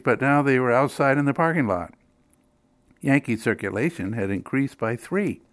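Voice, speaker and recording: An older man with a New England accent tells a story in a wry, dryly humorous way. His pitch moves in a lively, expressive way as he narrates. The sound is close and dry, with no room echo. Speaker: magazine editor.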